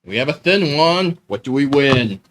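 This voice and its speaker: Animated man running a tabletop game. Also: medium pitch, slight background noise. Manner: lively, drawn-out dramatic narration. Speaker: game master.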